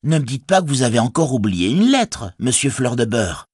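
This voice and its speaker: A man voicing a young hobbit with a wry, teasing manner and a husky voice. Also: mid-range voice, sing-song, normal speed, a little mellow, dry recording, clean studio sound, pitched above the performer's own voice.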